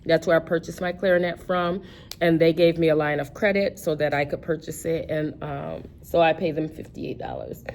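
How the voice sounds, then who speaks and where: Woman, 50s, low voice, casual rambling vlogger, faint background noise. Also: fairly even intonation, moderate pace, a little mellow. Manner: rambling, self-correcting, many fillers. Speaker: personal finance vlogger. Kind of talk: casual budgeting chat.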